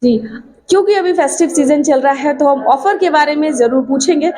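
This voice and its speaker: A woman reporter with a high, light voice presents from a beauty studio opening event. Her delivery is formal and announcer-like, with occasional hesitation fillers as she introduces and questions guests on location, speaking into a handheld mic. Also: brisk, dark tone. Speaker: news reporter and anchor. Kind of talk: on-location news report and interviews.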